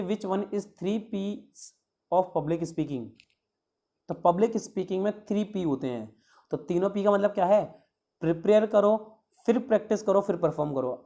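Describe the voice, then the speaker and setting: A male teacher going through exam questions one by one. He reads each English question slowly, then explains it in a chatty way, asking the class rhetorical questions. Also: fairly high pitch, dark tone. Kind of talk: exam question walkthrough lesson.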